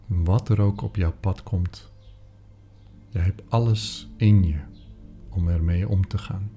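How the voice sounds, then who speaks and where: Male meditation guide, very dark mellow tone, slow soft delivery, faint music behind. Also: low-pitched, fairly even intonation. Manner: slow, soft-spoken, soothing, with whispered phrases.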